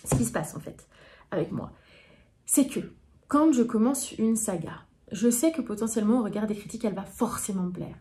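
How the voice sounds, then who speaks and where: A young woman from France talks casually to camera about her books. Her voice is mellow and low in brightness, and she sounds tired and yawning. Her speech meanders, full of hesitations and restarts. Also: lively intonation, brisk, slight background noise. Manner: chatty, with frequent hesitations and restarts. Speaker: book vlogger. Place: home, indoors in the evening.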